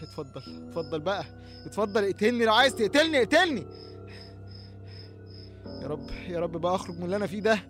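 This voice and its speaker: A young man with an Egyptian Arabic accent playing a frightened man lost in dark fields in an audio horror drama. He stammers and restarts in panicky, breathless talk to himself. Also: a little high, rapid-fire, hardly any pauses, lightly acted. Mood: terrified. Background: faint music and chirping crickets.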